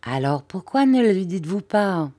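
A woman voicing a gentle, fragile young mother who speaks softly and tenderly. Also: mid-range voice, very animated, moderate pace.

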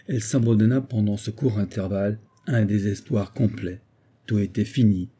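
A man reading a classic novel aloud in measured, steady audiobook narration. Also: lowish voice, breathy edge. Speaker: audiobook reader.

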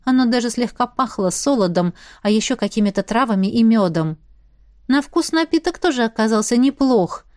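High, dry-voiced woman narrating a story. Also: lively intonation, normal speed, a little mellow, dry recording. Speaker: audiobook narrator. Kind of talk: first-person audiobook narration.

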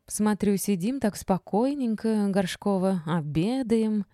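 A woman reading an audiobook, voicing a spiteful, mocking young woman who taunts and bosses people around with a drawn-out sneer. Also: medium pitch, lively intonation, dark tone, no room sound, clean studio sound, lightly acted. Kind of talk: audiobook character voice.

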